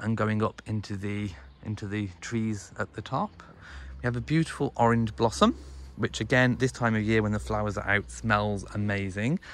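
A man's voice: lowish voice, a bit bright, a little hiss or hum. A young man from England walking through his garden with a handheld phone, chatting enthusiastically, with ums and restarts as he thinks aloud. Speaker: vlogger touring his garden. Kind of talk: casual walking garden tour. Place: outdoors in a home garden and greenhouse. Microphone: phone camera held in hand while walking.

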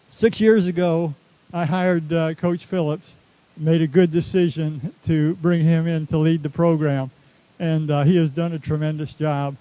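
A man from Texas tells rambling, self-deprecating stories at a ceremony in an outdoor stadium. His voice sits a bit high but sounds dark and mellow. He talks through a stadium microphone. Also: no echo, rough recording. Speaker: athletics director. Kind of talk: casual speech at a ceremony.

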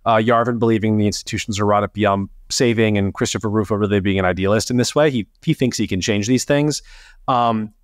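A man co-hosting a podcast, talking in a casual, sarcastic and animated way. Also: a little fast, dry recording, studio quality. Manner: animated, sarcastic, rising pitch on emphasis. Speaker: podcast co-host. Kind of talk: casual panel chat.

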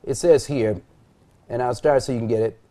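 A man's voice: mid-range voice, moderate pace, dark tone. A middle-aged male pastor on a TV studio panel, reading Bible verses aloud and asking rhetorical questions that he then answers. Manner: reads scripture aloud, poses rhetorical questions and answers them. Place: TV studio set at a desk.

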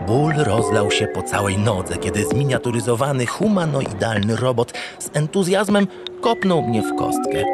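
A male actor with a medium-pitched voice plays a naive, doting spaceship captain who is pleased with himself. He narrates a comic radio drama in an earnest, theatrical, pompous manner, sounding smug and adoring.

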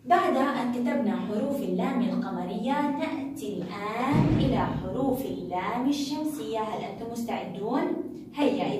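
A woman teaching a lesson to young children, stretching out words and syllables slowly and praising often. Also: on the high side. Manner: slow drawn-out syllables, frequent praise. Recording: echoey room from a distant mic with noise.

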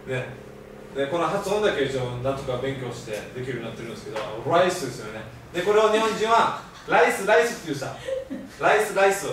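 A man giving an animated, joking lecture on language and pronunciation. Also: mid-range voice. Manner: animated, jokey, uses Okinawan-flavored sentence endings. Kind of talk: lively public lecture. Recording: echoey hall from far off, faint noise.

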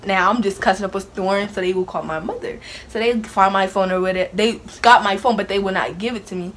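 Brisk and chatty, a young female vlogger dramatically recounts a story while facing the camera, her voice sitting mid-range for a woman. She laughs readily and keeps things casual, with constant hiss audible under the audio.

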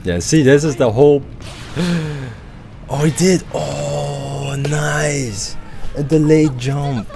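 A man's voice: a little high, slow pace, gravelly, long pauses, soft background music. A young man hosting a reaction video, exclaiming and repeating himself as he watches an anime episode. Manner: excitable, exclaiming, repeats phrases. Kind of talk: live reaction commentary. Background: anime soundtrack playing faintly.

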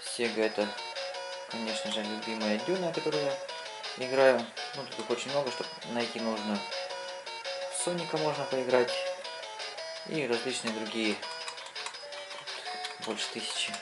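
A man giving casual gameplay commentary as a console reviewer, thinking aloud haltingly as he plays. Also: mid-range voice. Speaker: video game console reviewer. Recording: loud game music behind voice. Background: loud video game music.

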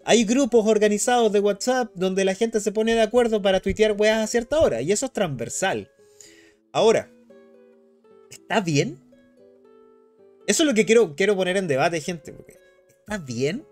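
Faint music plays as a young man with a Chilean accent streams live, chatting casually and reading the chat out loud with animated slang. His high voice moves at a moderate pace, broken by long pauses.

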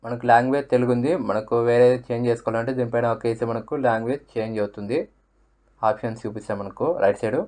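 A man's voice: mid-range voice, level tone, rapid-fire, darkish tone. A man with a Telugu accent explaining step by step how to use a phone app, repeating menu words aloud. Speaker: tutorial presenter. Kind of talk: screen-reader app tutorial.

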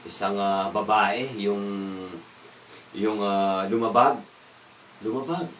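A man's voice: lowish voice, steady tone, takes it slowly, fairly bright tone, a little hiss or hum. Man leading an evening devotional. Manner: asks the listeners questions, mixes in English words, laughs now and then. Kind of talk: conversational Bible devotional talk. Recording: echoey room, voice from a distance.

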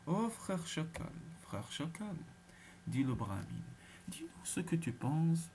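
A man's voice: on the high side, big pitch swings, takes it slowly, darkish tone, a little hiss or hum, pitched above the performer's own voice, exaggerated voice. A man playing a pleading poor brahmin. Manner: urgent, imploring.

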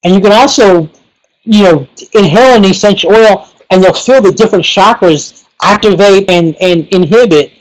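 High-voiced man teaching with lots of fillers. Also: normal speed, low-quality recording. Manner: rambling, heavy on fillers like "you know" and "like". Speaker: pranic healing teacher. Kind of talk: casual webinar presentation.

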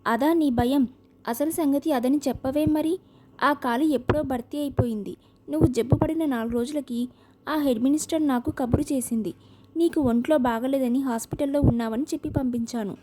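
A woman's voice: high-pitched, normal speed, background noise, lightly acted. A woman voicing a frank, practical young woman friend in an audio novel, matter-of-fact in tone.

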